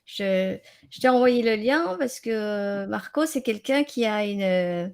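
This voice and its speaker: Gravelly-voiced woman hosting a live chat. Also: medium pitch, lively intonation. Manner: halting, repeats words as she searches. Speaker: host of an open-line internet radio show.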